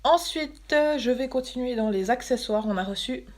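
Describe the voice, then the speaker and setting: Woman, Swiss French accent, slightly high voice, casual amused unboxing chatter. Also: moderate pace, a little mellow. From Switzerland. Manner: chatty, amused, laughs often. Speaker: beauty vlogger. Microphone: phone livestream.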